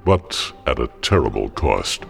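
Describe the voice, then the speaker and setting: Man, documentary narrator, scripted history narration, low creaky voice, animated intonation. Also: unhurried, faint music behind.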